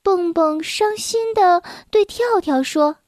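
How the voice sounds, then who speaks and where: A woman reads a bedtime storybook aloud in a gentle way, her voice very high and her pace slow. The sound is close and dry, with no room around it. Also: no room sound. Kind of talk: children's storybook narration.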